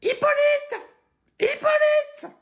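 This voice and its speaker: A man puts on a shrill, fussy comic voice, set far above his normal register. It sounds odd and thin in timbre. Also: fairly even intonation, slow, a bit bright, heavily acted. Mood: calling.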